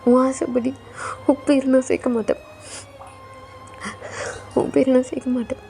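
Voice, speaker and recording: A woman's voice: high-pitched, steady tone, moderate pace, vocal fry, warm tone, soft background music. A woman voicing a young man who pleads tearfully and insistently with his lover for a child, in a fan audio drama. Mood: defiant.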